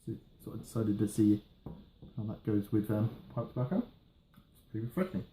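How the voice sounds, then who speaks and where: Mellow, musing man in an echoey room. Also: fairly low pitch, little pitch movement, brisk, a little hiss or hum. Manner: hesitant, musing, trailing off between puffs on a pipe. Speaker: pipe tobacco reviewer. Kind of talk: casual video review chat. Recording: roomy, echoey sound.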